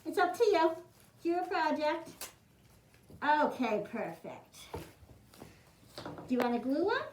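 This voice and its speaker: Guiding children through a craft one simple step at a time, a woman offers encouragement in a high, sing-song voice at a slow pace. The recording echoes like a large room and is clearly noisy, with clicking sounds.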